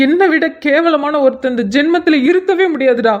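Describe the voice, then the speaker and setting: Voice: sits high, a little fast, dull audio, natural voice. A performer voicing a remorseful young husband in a cartoon, pleading and blaming himself. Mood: anguished. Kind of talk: cartoon voice acting.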